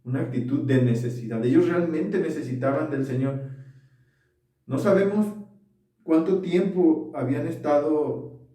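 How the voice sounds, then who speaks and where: In an echoey room with the mic set far away, a pastor with a slightly high, warm voice preaches unhurriedly. He's earnest, checking that listeners follow and often asking them to agree.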